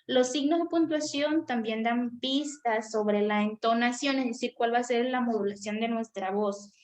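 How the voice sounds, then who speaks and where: Patient woman teacher, high voice. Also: moderate pace. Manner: patient, questioning, searches for words. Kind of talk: online class lesson.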